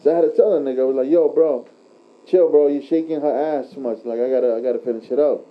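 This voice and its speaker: Male, frat-bro storyteller: crude, slangy casual chat, mid pitch, muffled lo-fi recording. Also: rapid-fire. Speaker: tattoo artist telling stories. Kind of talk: casual chat, anecdote telling. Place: tattoo shop. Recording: dull lo-fi recording.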